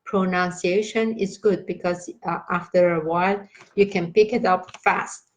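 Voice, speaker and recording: A woman leading a meditation class, giving slow, halting instructions with many pauses and fillers and repeating gentle reassurances. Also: on the low side, low-quality recording. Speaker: meditation teacher.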